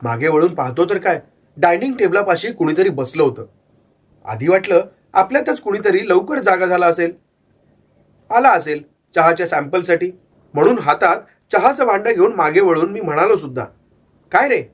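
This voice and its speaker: A man narrating a first-person horror story in a calm, measured way, voicing the quoted lines of the people in it. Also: high-pitched, slightly rough.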